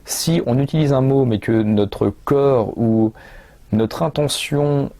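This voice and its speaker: French guy talking about a dog book, lots of euhs, warm mellow tone. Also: medium pitch, slow pace. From France. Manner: rambling, many fillers and self-corrections. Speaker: dog trainer presenting a book review. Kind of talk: casual spoken book review to camera.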